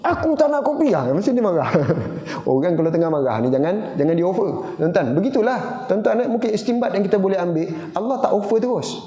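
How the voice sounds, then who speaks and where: A high-pitched man with a Johor Malay accent preaching to a congregation in a mosque, with a mellow, warm tone. He tells stories and slips into quoted voices, calling out to his listeners again and again. The sound comes from a reverberant hall through a dull, lo-fi recording. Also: expressive, fast talker. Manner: storytelling, keeps addressing the congregation, acts out quoted voices. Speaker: mosque lecturer. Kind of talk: Malay evening mosque lecture.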